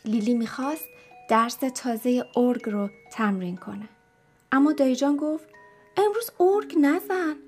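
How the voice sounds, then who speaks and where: A woman tells a children's bedtime story with lively expression, talking straight to the young listeners. Her voice sits fairly high, with soft music faintly behind her. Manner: expressive, speaks to children directly.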